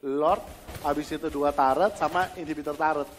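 Excitable guy shoutcasting a game match like an announcer, high voice, noisy background. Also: normal speed. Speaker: esports shoutcaster. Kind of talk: live mobile game match commentary. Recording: echoey hall, clear background noise.

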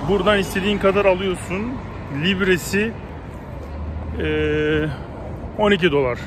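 This one is a man in his thirties from Turkey, vlogging a relaxed walking tour on a windy lakeshore and city streets with his phone held out at arm's length. He talks to viewers directly in a chatty, rambling way, and his voice runs somewhat high. Plenty of street traffic and wind come through the phone recording.

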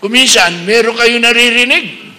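An older man, a bishop, giving a lively sermon to a congregation, asking them questions and acting out other voices. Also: extremely high pitch, normal speed. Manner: animated, asks the crowd questions, acts out voices. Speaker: bishop preaching. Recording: long hall reverb.

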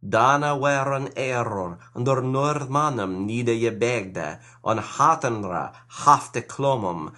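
A man reading Old English poetry aloud in a measured, declamatory way, with Old English pronunciation. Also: medium pitch, fairly bright tone. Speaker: reader. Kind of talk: solemn recitation of Old English verse.

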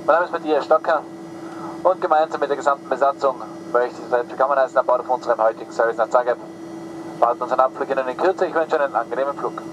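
A man's voice: mid-range voice, quick pace. A man, the airline captain, giving a formal, routine welcome announcement over the cabin PA from the cockpit. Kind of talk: bilingual in-flight announcement. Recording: muffled cabin PA with loud engine noise.

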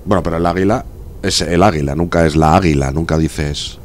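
A man's voice: a bass voice, fairly quick, slight background noise. A man with a Spanish accent from Spain, chatting casually while live-streaming a video game, arguing his point and reading out viewer messages. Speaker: gaming streamer.

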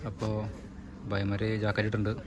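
A man's voice: on the low side, fast talker. Slangy vlogger man, noisy outdoors. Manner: excitable, slangy, mixes English words into Malayalam. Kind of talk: casual outdoor vlog chat. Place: outdoors at a river, partly in a canoe. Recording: noisy outdoor waterside phone recording. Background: water, wind and boat noise.

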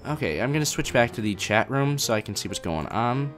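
Lively in intonation, medium in pitch, slightly fast and fairly bright, this young man's voice fills a live stream where he casually fields viewer questions about his game mod. He reads the chat aloud, wanders a bit, and faint game music plays behind him.

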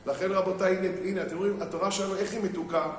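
A man's voice: sits high, flat delivery. A man giving a rabbi's sermon on marriage to a live audience, telling stories, acting out the people in them and putting questions to the crowd. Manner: storytelling, acts out quoted people, asks the crowd questions. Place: synagogue hall with an audience. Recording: very echoey hall, faint background noise.

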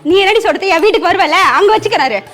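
A woman's voice: extremely high pitch, lively intonation, rapid-fire, slight background noise. A woman playing a niece in a staged family quarrel, whining and accusing as she pleads with her aunt. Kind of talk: comic staged argument.

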